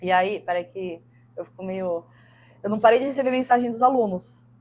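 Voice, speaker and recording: A woman's voice: mid-range voice, fairly quick, darkish tone, a little hiss or hum. A woman in her thirties with a Brazilian Portuguese accent, a podcast guest and gym coach telling a personal story in an earnest, emotional way, repeating words for emphasis.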